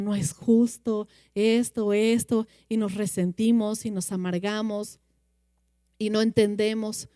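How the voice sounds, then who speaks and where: A woman with a Mexican Spanish accent giving an earnest church talk to parents, quoting the Bible and slowing down for emphasis. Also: medium pitch, warm tone, clean tone, dry recording, studio quality. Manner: earnest, slows down for emphasis and acts out children's replies. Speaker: church parenting class teacher. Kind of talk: teaching talk with Bible quotes.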